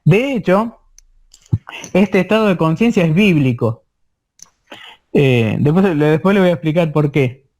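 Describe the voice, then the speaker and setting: A man with an Argentine Spanish accent teaching an online course, explaining slowly with many repetitions and checking in with his listeners. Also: on the high side, lively intonation, darkish tone. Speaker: course instructor.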